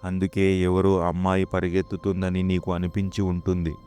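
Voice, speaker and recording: A man reading as a calm young husband reassuring his wife. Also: low voice, moderate pace, clean tone, soft background music, natural voice.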